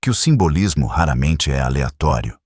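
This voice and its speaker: A shrewd elderly detective, voiced by a man lays out his reasoning in a calm, measured way. The voice is husky and a little lifted above a deep base, with a lively rise and fall. It sits close and dry, with no room around it. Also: dry recording, exaggerated voice. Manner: measured, gently probing. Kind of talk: audiobook character reading.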